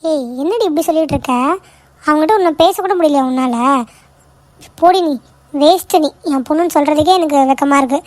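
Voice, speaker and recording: A woman's voice: high-pitched, brisk, pauses often, a little mellow, no echo, lightly acted. A woman voicing a middle-aged cartoon mother who scolds and coaxes her daughter. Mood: scolding. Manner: scolding, coaxing, teasing. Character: middle-aged mother, nagging but caring. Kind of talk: cartoon voice acting.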